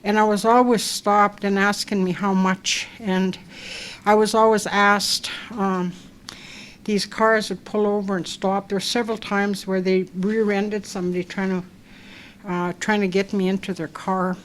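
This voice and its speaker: A soft-spoken older woman speaks at a public panel, her voice stuffed up from a cold. She talks in a halting way with many fillers, and faint noise sits under her voice. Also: medium pitch, level tone. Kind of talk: personal talk at a public event.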